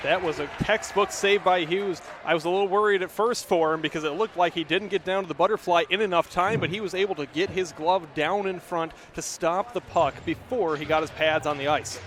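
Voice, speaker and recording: A man giving relaxed color commentary and sponsor reads at a high school hockey game, joking easily with his partner. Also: brisk, hardly any pauses, slight background noise. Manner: relaxed, chatty analysis with self-deprecating jokes. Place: ice rink press area.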